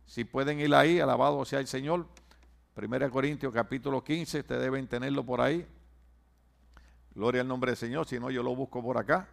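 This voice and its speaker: A man preaching as a pastor, drawing out key phrases slowly and having the congregation repeat words back to him. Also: mid-range voice, gravelly. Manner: preaching with call-and-response to the congregation. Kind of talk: sermon.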